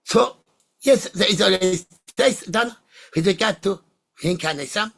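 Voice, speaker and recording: A trance medium of ambiguous-sounding sex channelling spirits like at a seance, speaking in halting, deliberate, oracular fragments with a husky voice. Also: medium pitch, a bit bright. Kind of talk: trance channelling talk in the manner of a seance medium, answering questions.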